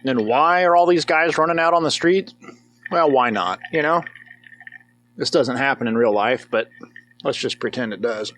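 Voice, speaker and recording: A man's voice: mid-range voice, moderate pace, a bit bright. Joking man rambling over a movie. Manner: joking, rambling, whoops and cheers. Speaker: movie reviewer. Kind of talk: casual comedic commentary.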